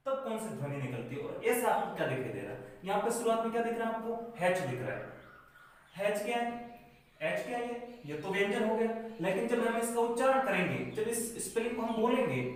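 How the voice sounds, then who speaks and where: A male teacher with a Rajasthani Hindi accent walks students through a grammar rule at the board. His voice sits high, and he keeps putting questions to the class and answering them himself. The sound is very echoey, picked up from a distance across the room. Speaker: school English teacher. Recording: echoey classroom, mic far away.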